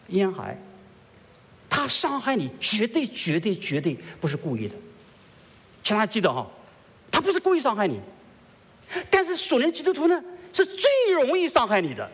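Animated pastor preaching in a reverberant hall. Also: male voice, high voice, a little slow, pauses often. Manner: rhetorical questions to the congregation, swings between soft and emphatic; drops English words into his speech. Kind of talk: sermon. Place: church service before a congregation.

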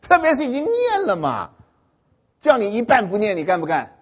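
A high, lively male voice that swoops around, slightly husky, telling a humorous story to an audience and pausing to ask whether they follow. It reaches the listener through a dull, lo-fi recording with long hall reverb. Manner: animated, keeps checking if listeners understand. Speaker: speaker addressing an audience.

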